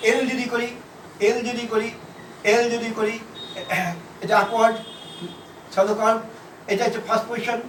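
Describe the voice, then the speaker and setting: A man from India teaching a shorthand class, explaining slowly and repeating himself, letter by letter. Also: very high voice, little pitch movement, a bit bright, slight background noise. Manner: repetitive, halting, spells out letters. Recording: echoey room from far off.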